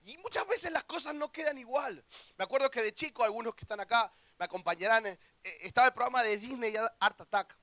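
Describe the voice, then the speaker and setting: A young man with a Rioplatense Spanish accent preaching a lively youth camp sermon, acting out quoted voices and joking with the audience. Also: extremely high pitch, fast talker, dry recording. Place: church hall.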